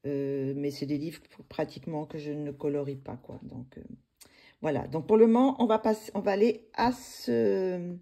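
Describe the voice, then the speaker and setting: A woman's voice: low voice, steady tone, normal speed, mellow. A woman vlogger chatting casually about her coloring books, hesitating often with fillers and restarts. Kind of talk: casual chat.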